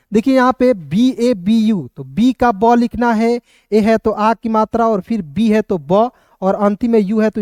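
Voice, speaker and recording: A man from India teaching an online spelling lesson, spelling out letters slowly and asking questions that he answers himself. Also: high voice, darkish tone, no room sound, clean studio sound. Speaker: English teacher.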